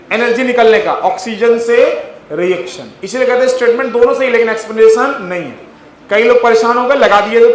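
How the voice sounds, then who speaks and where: High-voiced male teacher in echoey classroom. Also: a bit bright. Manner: coaxing, repeatedly asks the class if they follow. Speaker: biology teacher. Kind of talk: classroom test-solution lecture.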